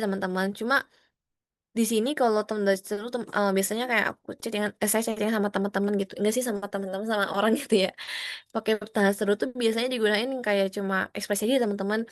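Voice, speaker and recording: A woman teaching an online class in a friendly, patient way, often acting out sample phrases with rising or falling tones. Her voice sits in a middle range. The sound is dry and close, with no room around it. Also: no echo. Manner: friendly, explains patiently, addresses students as friends; acts out sample phrases with rising or flat pitch. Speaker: Korean language teacher.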